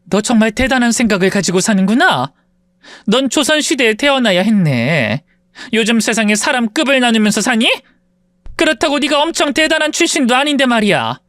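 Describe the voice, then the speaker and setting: A woman voicing a patient middle-aged woman, a former maid, who answers a bully in a calm, restrained way in an audio story. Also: fairly high pitch, brisk, no room sound, clean studio sound.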